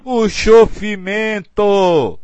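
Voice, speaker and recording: High-voiced man giving spiritual guidance. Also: extremely slow, a little mellow. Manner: earnest, explanatory, acts out example phrasings. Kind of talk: spiritual teaching talk.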